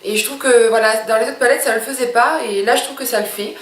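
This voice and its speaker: A woman's voice: on the high side, fast talker, roomy sound, far from the mic. A woman beauty vlogger reviewing makeup in a chatty, gushing way, with many hesitations.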